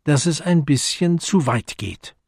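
A man voicing a cautious, thoughtful young man who speaks slowly, in a story. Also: a little high, animated, slightly rough, no echo, studio quality, pitched above the performer's own voice, exaggerated voice. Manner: slow, cautious.

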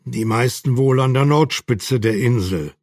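A formal, hesitant police officer, as voiced by a male audiobook narrator, speaks slowly and gravely. The words come out measured and unhurried. The recording is close and dry, with no room sound. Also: medium pitch, dry recording. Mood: somber. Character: male police officer delivering grim news.

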